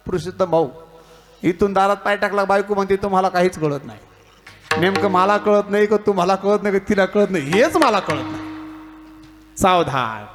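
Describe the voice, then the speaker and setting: A man's voice: high-pitched, brisk, a bit bright. A man with a Marathi accent, preaching a devotional kirtan full of jokes, stories and acted-out dialogue. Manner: storytelling with jokes and mimicry, teasing the audience. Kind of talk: humorous devotional sermon.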